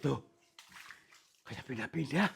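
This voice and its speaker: A man leading a paranormal investigation, talking in a hushed, polite, pleading way, often whispering. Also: mid-range voice, animated, slow, creaky, slight background noise. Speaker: ghost-hunting vlogger.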